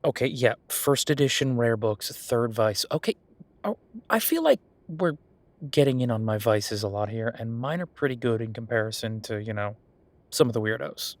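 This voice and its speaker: Talking to the listener in an intimate, casual audio roleplay, a man voices a young billionaire who is friendly and self-deprecating, rambling loosely and playfully defensive. The recording is dry; his medium-pitched, natural voice is expressive at a moderate pace.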